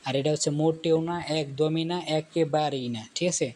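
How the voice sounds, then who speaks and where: A man's voice: on the high side, steady tone, a little mellow, slight background noise. Man teaching, often repeating himself. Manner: explains slowly, repeats words, often asks "ঠিক আছে?". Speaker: language teacher. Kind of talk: casual spoken lesson.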